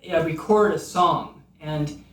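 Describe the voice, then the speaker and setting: A middle-aged man with a high voice delivers a rambling, profane comedy rant with mock-earnest swings. He sits a bit back from the mic, and the room around him echoes. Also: measured pace, a bit bright, far from the mic. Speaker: comedian host. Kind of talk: comedic monologue.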